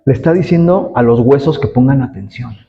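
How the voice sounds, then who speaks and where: A male pastor preaching a sermon, swinging between loud exhortation and hushed storytelling, firing rhetorical questions at the congregation. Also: mid-range voice, expressive, brisk, big-room sound, dull audio.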